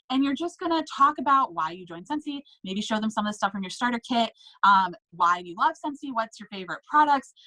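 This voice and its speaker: A woman coaching sellers in a casual, upbeat way, stressing points and checking in with quick tag questions. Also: medium pitch, sharp tone, rough recording. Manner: upbeat, emphatic, checks in with "okay?" and "right?". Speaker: direct sales team leader.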